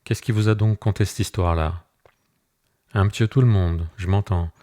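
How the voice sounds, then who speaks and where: Casting: timid old peasant shepherd, halting and repetitive, played by a man, low dark voice. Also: steady tone, lightly acted. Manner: halting, repetitive rustic speech.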